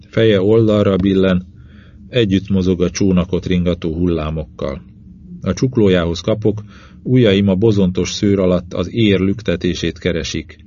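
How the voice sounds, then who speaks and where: A man reading a novel aloud in the first person, with measured, even pacing in short phrases. His voice is very deep. The recording is dull and lo-fi. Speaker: audiobook narrator.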